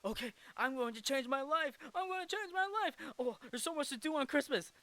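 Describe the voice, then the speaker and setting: A man's voice: very high-pitched, expressive, a little fast, sharp tone, no echo, voice pushed up, exaggerated voice. A man doing an eager reformed old miser.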